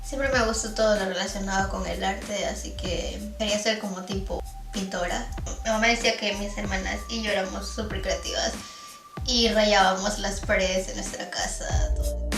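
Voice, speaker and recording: A woman's voice: mid-range voice, steady tone, moderate pace, roomy sound, over music. Chatty young Ecuadorian woman. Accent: Ecuadorian Spanish. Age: 20s. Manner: chatty, talks straight to her viewers. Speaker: co-host of a couple's vlog. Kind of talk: casual storytelling to camera.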